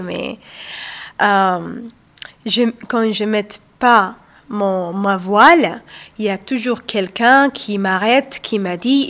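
A woman in her thirties from Somalia, a radio interview guest who speaks French slowly and haltingly, searching for words. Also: mid-range voice, a bit bright. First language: not French. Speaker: guest, author.

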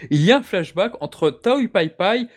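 A man hosting a casual chat, talking with animated enthusiasm. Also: high voice, normal speed.

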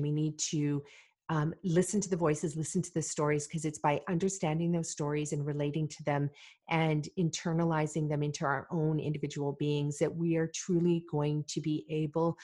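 A woman from Malawi hosting a solo podcast, talking in an earnest, deliberate way with fillers and repeated phrases. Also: low-pitched, darkish tone. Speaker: podcast host.

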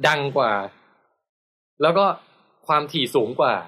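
A man's voice: a little high, a little slow, sharp tone, slightly rough. A man co-hosting a casual talk show, telling a news story in a chatty way with fillers and frequent laughter. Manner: chatty, laughs often, thinks aloud with fillers. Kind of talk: casual chat.

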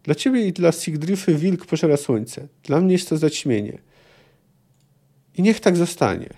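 A man voicing a proud, defiant sorceress who dismisses mysticism, speaking emphatically in a gravelly raised voice. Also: a little high, animated, normal speed, warm tone. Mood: scornful.

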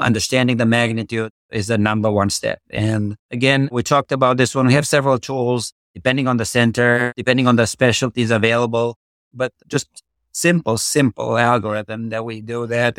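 A man's voice: medium pitch, no echo, clean studio sound. A middle-aged man with a Romanian accent, a guest doctor explaining his field with passion and rhetorical questions in a podcast interview. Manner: passionate, uses boxing analogies, rhetorical questions. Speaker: guest cardiologist.

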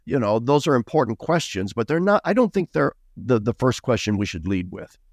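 A man's voice: mid-range voice, sing-song, brisk, no room sound, studio quality. A middle-aged man speaking as a guest author in an interview, earnest and emphatic, with bursts of raised emphasis. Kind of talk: interview conversation.

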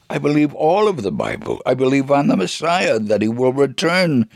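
In a clean studio recording with no room sound, a man with a mid-range, vocal-fry voice reads a first-person story for a radio segment. His delivery is dramatic and scripted, and he acts out the dialogue expressively.

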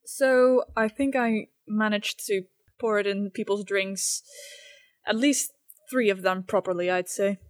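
A woman's voice: mid-range voice, a little slow, no room sound, lightly acted. A woman playing a scheming female student in a tabletop game, matter-of-fact and collusive. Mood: businesslike scheming. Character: conspiring young female student at magic school.

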